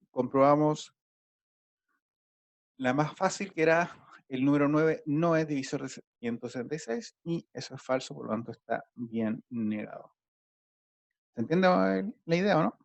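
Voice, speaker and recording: A male teacher with a gravelly, creaky voice talks through a math lesson on a video call. He explains each step patiently, and the sound is close and dry with no room echo. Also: fairly high pitch, lively intonation, normal speed, pauses often. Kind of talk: online math class.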